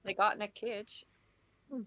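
A woman's voice: mid-range voice, steady tone, slow, fairly bright tone, lo-fi sound. A woman chatting casually with friends while playing a video game, with urgent bursts during play. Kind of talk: casual gaming chat.

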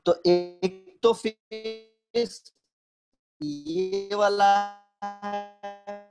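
A man's voice: high-pitched, lively intonation, drawn-out words, vocal fry, a little mellow, faint music behind. A male physics teacher giving an online class whose voice keeps breaking up and dropping out over a bad network connection. He explains step by step and checks whether his students follow. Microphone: online video call.

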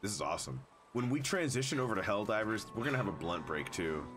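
A man's voice: lowish voice, sing-song, fast, fairly bright tone, soft background music. A man chatting casually as he live-streams a video game. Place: indoor room at a gaming desk.

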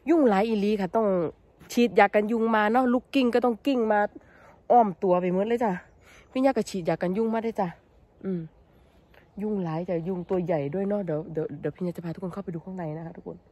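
Excitable Isan-accented woman, husky. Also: mid-range voice, fast talker, no echo. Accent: Isan (Northeast Thai). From Thailand. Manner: exclamatory, excitable, lots of cries of delight. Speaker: vlogger. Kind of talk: excited foraging vlog chat. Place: forest outdoors.

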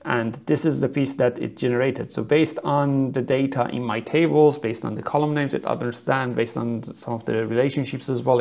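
A middle-aged man giving a methodical screen-share software tutorial from a small room, explaining step by step with frequent fillers. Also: medium pitch, gravelly. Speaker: software trainer.

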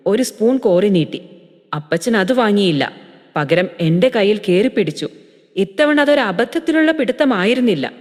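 A woman's voice: medium pitch, a little mellow. A woman tells a first-person story in an intimate, emotional way, her voice sitting in a mid register. The sound carries a long reverb, as if she is recording in an echoey room.

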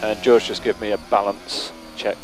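A man works as race engineer, relaying short, matter-of-fact instructions over race car radio. His voice is low, with obvious vehicle noise on the channel. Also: moderate pace, poor audio. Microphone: radio headset.

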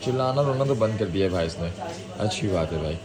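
A man's voice: fairly low pitch, animated, fast talker, crowd noise. A young man chatting casually to his viewers while vlogging late at night, coaxing and talkative. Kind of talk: casual vlog chat. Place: late-night village stay, partly in dim indoor areas. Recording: noisy crowded background.

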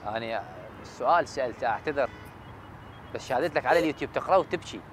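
A man's voice: mid-range voice, rapid-fire, a little hiss or hum. A man in his thirties with an Iraqi Arabic accent, interviewing conversationally in a deferential way. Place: outdoors at night in a city park. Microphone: lapel mic.

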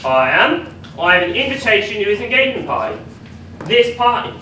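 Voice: mid-range voice, very animated, a little fast, sharp tone. An actor playing a dim, chatty servant and minder in a stage farce, bluntly literal and comic. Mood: matter-of-fact. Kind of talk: theatrical stage farce acting. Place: small theatre stage with audience. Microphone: far camera. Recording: echoey noisy theatre, distant camera mic.

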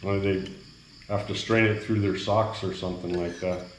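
In a casual cooking vlog, a middle-aged man rambles easily to his viewers while brewing coffee in a small, bare cement-walled kitchen. His voice sits low, with fairly even intonation at normal speed. Crickets chirp in the night beyond the echoey room, which has faint background noise.

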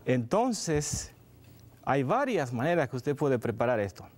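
A man's voice: medium pitch, big pitch swings, measured pace, a little mellow. A middle-aged man on a studio kitchen set explaining a recipe step by step to viewers. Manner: explanatory, addresses viewers directly. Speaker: cooking show co-host. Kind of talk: cooking demonstration.

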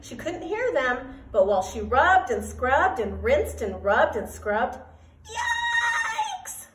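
A woman reading a children's storybook aloud as a teacher, in an expressive, emphatic, sing-song way. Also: medium pitch. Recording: roomy echo, voice from a distance.

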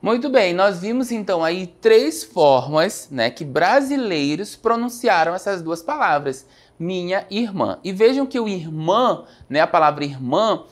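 A woman's voice: on the low side, big pitch swings, measured pace, hardly any pauses. A woman teacher giving a televised school lesson, explaining step by step and often checking in with the students. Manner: explanatory, frequent checking tags like "né?" and "tá?".

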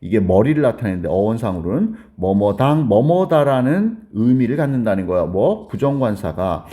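Lively, mellow-voiced male grammar teacher. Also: moderate pace. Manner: explains step by step, keeps asking "got it?"; acts out a student's question in a higher voice. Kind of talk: recorded grammar lesson.

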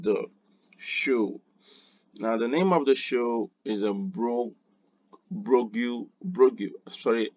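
A man hosting a screen-recorded design tutorial, unhurried and thinking aloud with quiet muttered asides. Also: fairly low pitch, dry recording, muffled recording.

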